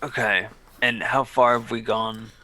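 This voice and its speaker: A man's voice: fairly low pitch, fairly even intonation, measured pace, pushed and bright. A man playing a tabletop game, matter-of-fact and dry in his remarks. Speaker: player. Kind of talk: casual tabletop play.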